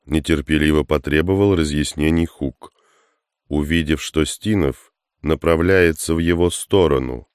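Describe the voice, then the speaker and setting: Male audiobook narrator, very low and unhurried, measured delivery, dry booth sound. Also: smooth, no room sound. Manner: measured, even reading. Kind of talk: scripted narration.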